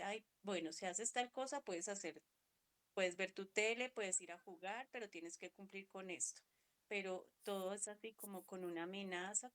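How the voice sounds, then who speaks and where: A woman's voice: mid-range voice, a bit bright. Middle-aged woman in a bible study chat, emotional, keeps restarting her sentences. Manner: emotional and halting, with many restarts. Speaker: participant in a women's Bible study. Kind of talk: personal reflection in a group discussion.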